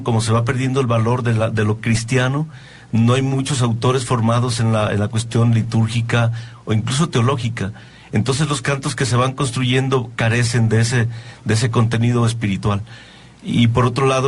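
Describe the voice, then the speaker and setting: A man with a Mexican Spanish accent, a priest and composer guest, answering interview questions in a measured, explanatory way. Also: mid-range voice, breathy edge.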